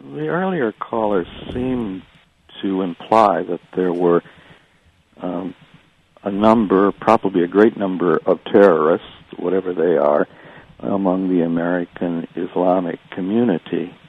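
A man calling in to a radio show over a clipped phone line, speaking in a measured, halting way with many pauses. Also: sits low, gravelly, slightly rough, dry recording. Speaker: radio call-in caller. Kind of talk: call-in radio comment. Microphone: telephone.

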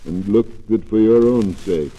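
A mournful ghost of a dead miser, as a male reader puts him on, speaking low, slow and hushed. The voice is dark and mellow, with the weight of a solemn warning in a storybook reading. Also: poor audio.

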